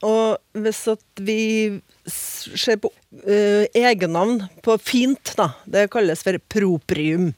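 A woman's voice: medium pitch, darkish tone, no echo. Woman, language expert on a radio panel, patient explainer, dry studio sound. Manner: patient, explaining with examples, frequent tag questions.

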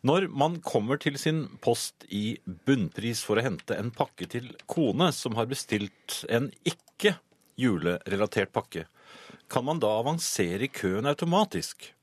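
A man's voice: mid-range voice, lively intonation, slightly rough, no room sound. A middle-aged man reading listener messages on radio in casual chat, hesitant with many filler sounds.

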